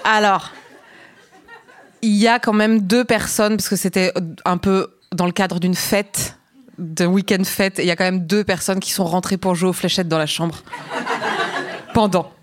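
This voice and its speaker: A woman's voice: medium pitch, fairly even intonation, unhurried. A woman guesting in a casual chat, telling personal stories frankly and wryly. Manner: frank, wry storytelling.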